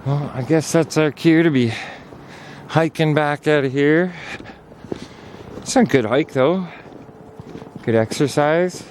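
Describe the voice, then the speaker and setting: A man's voice: on the high side, takes it slowly, pauses often, darkish tone, a little hiss or hum. A man narrating a casual hiking vlog outdoors on a snowy trail, chatty and at times out of breath. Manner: chatty, talking while hiking, sometimes out of breath. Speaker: vlogger.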